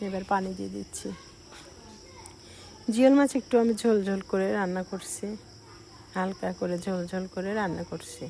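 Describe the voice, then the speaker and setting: Slow-spoken woman with a cold. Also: mid-range voice, fairly even intonation, vocal fry, a little hiss or hum. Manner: slow, soft-spoken explaining. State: short of breath from a cold. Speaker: cooking vlogger. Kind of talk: casual cooking voice-over.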